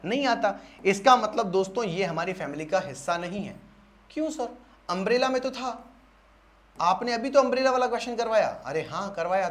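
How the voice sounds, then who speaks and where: A young Indian man teaching an exam-prep English lesson. He repeats each point and keeps asking the class rhetorical questions. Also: sits high.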